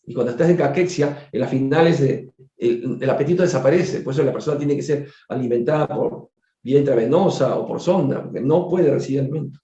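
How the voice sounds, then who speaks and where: A doctor telling a case story during a spiritist book study, conversational and digressive, repeating words and turning to his listeners with quick asides. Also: mid-range voice, warm tone. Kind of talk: storytelling lecture. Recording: echoey room, dull lo-fi sound.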